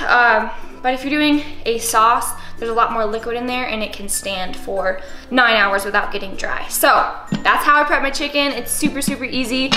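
A woman's voice: a little high, sharp tone. A young woman in her twenties giving a casual, upbeat step-by-step cooking tutorial in her home kitchen, recorded by a camera a few steps away. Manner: chatty, upbeat, explains step by step. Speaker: lifestyle vlogger. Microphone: camera mic from a few steps away. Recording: echoey kitchen with faint music.

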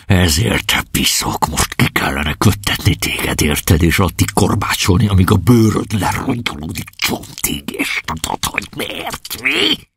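A man voicing a weary, drunk, gruff male legion captain who barks insults and interrogates. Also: sits low, huge pitch swings, a bit bright, heavily acted. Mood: menacing, interrogating.

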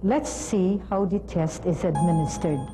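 A middle-aged woman presenting a scripted lesson in a measured, deliberate, instructional way. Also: lowish voice, music in the background. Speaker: presenter of an educational program on language testing. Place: TV studio.

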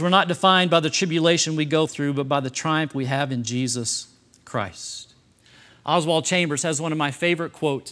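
A man's voice: a little high, fairly bright tone. A middle-aged male pastor preaching a sermon to his congregation, emphatic and engaging them with questions and light humor. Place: church service before a congregation.

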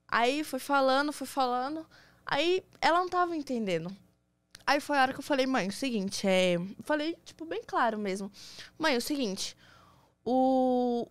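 A woman's voice: on the high side, clear, resonant tone, no echo. A young woman with a Brazilian Portuguese accent, a podcast guest telling her story in casual conversation and acting out the dialogue she quotes.

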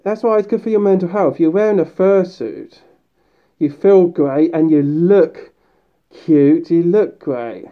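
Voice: mid-range voice, unhurried. A fursuit video creator talking through a mascot head in a casual, upbeat, rambling way, with many fillers and restarts. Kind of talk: casual vlog talk. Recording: dull lo-fi recording.

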